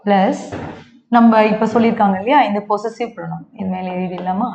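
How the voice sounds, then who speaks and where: A woman's voice: mid-range voice, a little fast, vocal fry, darkish tone, slight background noise. A woman with a Tamil accent teaches English grammar and explains each point patiently. She often checks whether her students have understood. The sound is roomy and a bit muffled. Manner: mixes Tamil and English, keeps asking the class to check understanding. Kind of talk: exam-prep grammar lesson.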